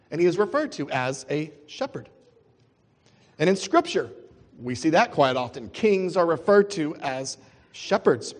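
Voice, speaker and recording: A man's voice: on the high side, big-room sound. A man preaching an expository sermon, asking rhetorical questions and explaining scripture. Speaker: pastor.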